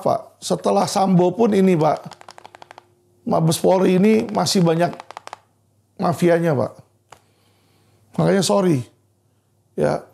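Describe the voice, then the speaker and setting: Male lawyer, fiery commentary, high gravelly voice, edge. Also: a little mellow. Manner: heated, repeatedly addressing "Pak" directly. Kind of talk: impassioned legal commentary video.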